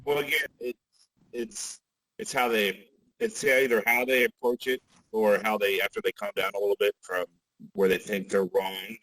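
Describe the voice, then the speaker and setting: A man in his forties talking as a podcast guest, relaxed, with frequent restarts and asides. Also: on the low side, normal speed, no echo, rough recording. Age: 40s. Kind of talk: casual podcast conversation.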